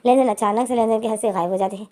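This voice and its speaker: A woman's voice: fairly high pitch, fairly even intonation, racing, dark tone. A young woman casually retelling a romance story, stringing clauses together over and over.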